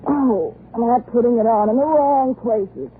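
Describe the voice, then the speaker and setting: A woman's voice: on the high side, normal speed, natural voice. A woman playing a brazen young Hollywood actress in an old radio drama. She taunts and wisecracks in a slangy drawl. The sound is thin and phone-like, with a faint hiss beneath it. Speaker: fading Hollywood film actress. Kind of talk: 1940s radio acting. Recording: thin, hissy vintage radio broadcast.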